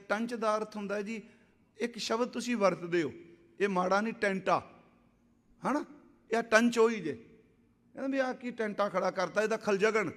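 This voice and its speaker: A man giving a religious sermon, reciting scripture slowly and then explaining it in plain conversational speech. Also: high-pitched, big-room sound. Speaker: Sikh preacher giving katha.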